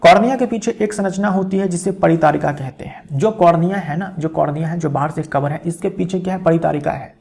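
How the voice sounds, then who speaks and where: Man, exam-prep lecturer; high, gravelly voice; quizzes himself, repeats. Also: fairly quick, hardly any pauses, a little mellow. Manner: repeats key terms, asks and answers his own questions. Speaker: teacher.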